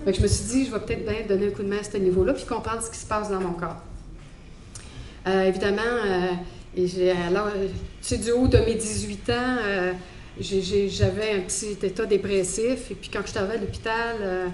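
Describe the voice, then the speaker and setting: Recorded in a reverberant hall with faint background noise, a Quebec French woman from Montreal shares her faith testimony as a guest speaker. Her mid-pitched voice is steady and a little mellow, and her delivery is halting and thoughtful, full of fillers.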